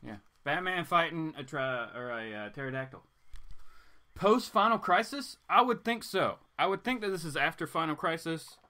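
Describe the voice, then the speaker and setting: A man hosts a comics reading livestream, chatting casually, rambling informally, and turning theatrical for dramatic read-aloud bits. His voice is on the high side, expressive, and sharp, at normal speed.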